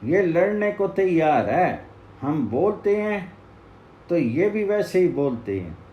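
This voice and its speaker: A man voicing excited young cowherd boys who call out and scold, recorded in an echoey room. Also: on the high side, slow pace, lo-fi sound, pitched above the performer's own voice. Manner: shouting playfully, indignant.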